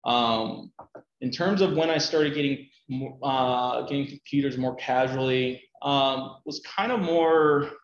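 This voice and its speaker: A man speaking at a meetup, answering audience questions in a relaxed, hesitant way with many ums and uhs. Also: medium pitch, unhurried. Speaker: conference speaker. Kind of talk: conversational Q&A talk. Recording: roomy, dull, faint noise.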